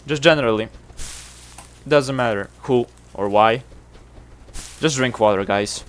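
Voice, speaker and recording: A Serbian man with a Serbian accent streams a game and chats casually with his viewers, rambling and self-deprecating. His voice is medium-pitched and a little slow.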